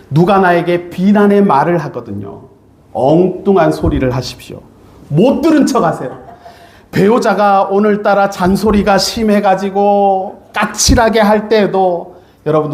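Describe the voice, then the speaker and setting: A man's voice: high voice, darkish tone. A middle-aged male pastor preaching a sermon, earnest and repeatedly calling out to his congregation. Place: church sanctuary. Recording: echoey church sanctuary.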